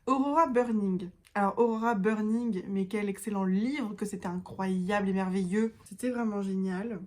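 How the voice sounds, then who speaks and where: A woman's voice: mid-range voice, normal speed, darkish tone. A woman book vlogger chatting casually through a tier-list review of her reads, thinking aloud with hesitations, enthusiastic and self-mocking.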